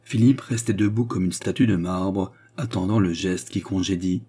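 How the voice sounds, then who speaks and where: A man reading a classic novel aloud as an audiobook, with measured storytelling and lightly voiced dialogue. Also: low voice, warm tone, breathy edge. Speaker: audiobook reader. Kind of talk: scripted narration of a classic novel.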